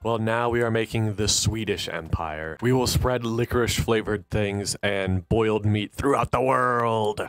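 A man's voice: fairly low pitch, normal speed, hardly any pauses, faint music behind. A man with a stuffy, nasal voice from allergies, giving casual, wry commentary while playing a strategy game. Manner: chatty and wry, thinking aloud while playing. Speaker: gaming channel host.

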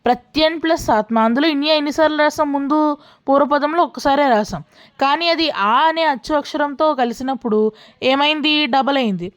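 A woman teaching a grammar lesson, slowing down for each worked example and often asking the listener if they have followed. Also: high voice, dull audio. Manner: asks the listener frequent check questions; slows down to spell out worked examples.

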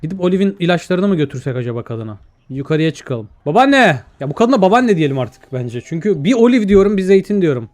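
Young male gaming YouTuber, slightly high voice, chatty let's-play commentary. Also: big pitch swings, quick pace, warm tone. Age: young adult. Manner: chatty, talks to himself and the viewers while playing; reads out in-game dialogue.

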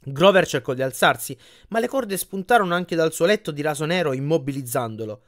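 A man reading an audiobook chapter aloud with expressive delivery. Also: on the high side, brisk. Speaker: audiobook reader.

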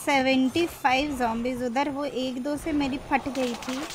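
A woman's voice: high-pitched, steady tone, a little slow, noisy background. A woman giving frantic commentary while playing a zombie shooter, exasperated, swearing often and pleading with her teammates. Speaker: mobile game streamer.

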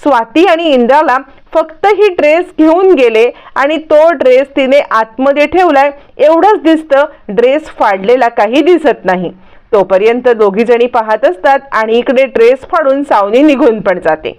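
A woman narrating a lively, dramatic retelling of a TV serial episode. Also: sits high, moderate pace, clean tone.

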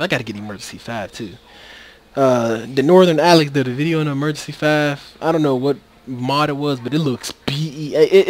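A man giving casual, rambling gameplay commentary into a USB microphone, with many fillers and restarts. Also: mid-range voice. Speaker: video game commentator. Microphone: USB microphone that cuts out.

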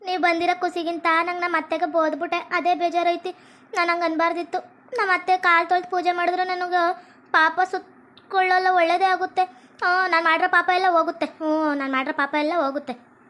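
A young village wife, played by a woman. Her voice is very high and she talks rapidly in a pleading tone. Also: level tone, bright, forceful tone. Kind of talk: comedy sketch acting.

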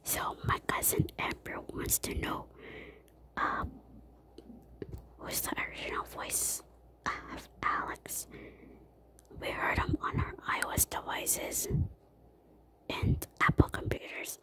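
A young woman whispering through a rambling, casual vlog, pausing often with fillers. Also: pushed and bright. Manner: rambling, halting with many fillers. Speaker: vlogger.

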